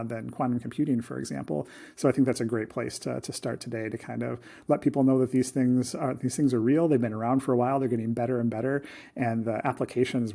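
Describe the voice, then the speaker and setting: A man co-hosting a science podcast, talking in a relaxed and chatty way. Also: mid-range voice, vocal fry, slightly rough. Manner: relaxed and chatty, casual phrasing. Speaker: podcast co-host.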